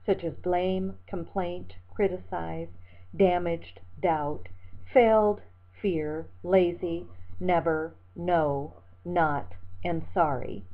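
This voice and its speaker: A woman instructor gives a methodical slide lecture, reading examples and word lists aloud. Her voice sits a little low. The sound is thin and tinny, like a phone line. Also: fairly even intonation, takes it slowly. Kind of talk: recorded lecture over slides.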